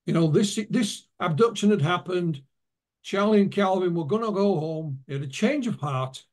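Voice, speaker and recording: Here an author appears as an interview guest, his voice sitting high and animated at a moderate pace. He shares anecdotes and passes along accounts he heard from witnesses.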